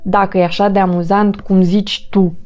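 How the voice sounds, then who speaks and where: Woman doing a fussy, croaking know-it-all crow. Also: mid-range voice, flat delivery, a little mellow, faint music behind, close to an everyday voice. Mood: scornful. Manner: fussy and superior, croaking "crax".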